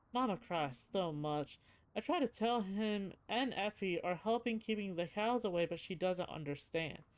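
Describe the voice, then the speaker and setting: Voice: mid-range voice, close to an everyday voice, rough recording. A young frontier girl tells her diary in a game, read out by a streamer. She sounds innocent and uneasy, with plain, folksy, childlike phrasing. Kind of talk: reading a game diary aloud.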